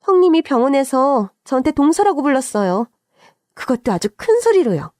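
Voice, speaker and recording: A snobbish young doctor sister-in-law, as a woman puts her on, snapping in a high, sharp and condescending voice. She sounds indignant and looks down on her listener. The read is dry and close, with no room sound. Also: very animated, moderate pace, no room sound. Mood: indignant scolding. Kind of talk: dramatized radio story acting.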